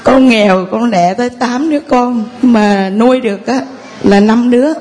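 A woman's voice: fairly high pitch, normal speed, a little mellow. A woman, telling a long, rambling, earnest story of faith to a priest in church. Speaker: parishioner giving testimony. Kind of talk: tearful church testimony.

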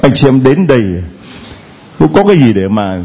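Animated preaching man, lively pitch. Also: normal speed, slight background noise. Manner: lively, animated preaching with sung snatches and mimicked voices. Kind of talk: sermon at a retreat.

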